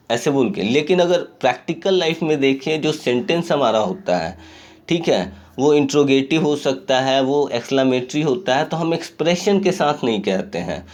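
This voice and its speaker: A man teaching an English grammar lesson in a recorded online class, reading examples slowly and acting out rising and falling tones. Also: a little high, a little mellow. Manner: reads English examples slowly and demonstrates question-tag intonation; encouraging, repeats "ठीक है" often. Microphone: phone screen recording.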